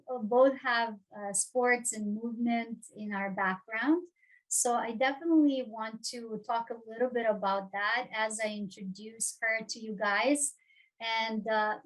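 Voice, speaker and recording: A woman's voice: medium pitch, fairly bright tone, low-quality recording. A woman from Serbia in her thirties hosting a casual interview, chatty, with many fillers and restarts. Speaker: host.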